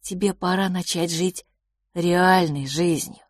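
A woman voicing a calm, cool-headed boy, the older twin, speaking quietly and measuredly in an audiobook. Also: lowish voice, slow, no echo, clean studio sound. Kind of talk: audiobook character voice.

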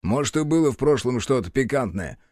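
Brief: man reading a rough-talking mocking guardian, dry close sound. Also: mid-range voice, expressive, a little fast, a little mellow, no echo, close to an everyday voice. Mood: gruff. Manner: coarse, bossy, sarcastic. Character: crude sardonic male guardian, bossy and mocking.

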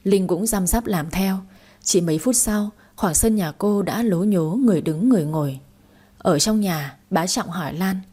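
A woman narrating a story as a reader for her audio channel, in a calm, even storytelling manner. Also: fairly low pitch, moderate pace, husky. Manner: calm, even storytelling with dialogue voiced lightly.

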